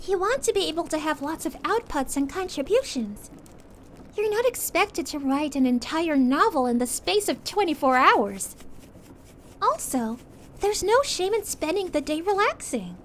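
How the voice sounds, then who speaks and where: Very high-pitched, gentle cartoon princess. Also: female voice, a little hiss or hum, exaggerated voice. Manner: gentle, reassuring, chatty. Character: sweet young cartoon princess, gentle, caring, encouraging friend. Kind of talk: calming ASMR audio roleplay.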